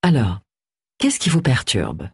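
Husky, blunt woman therapist, calm and cutting, as an audiobook narrator puts her on. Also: mid-range voice, unhurried, no echo, clean studio sound, pitched below the performer's own voice, exaggerated voice. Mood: cool. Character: cool, blunt female psychotherapist with a husky voice. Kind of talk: audiobook character voice.

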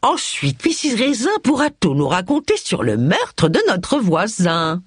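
A woman's voice: mid-range voice, very animated, unhurried, slightly rough, no room sound, clean studio sound, voice pushed up. A woman doing a nasal elderly aunt.

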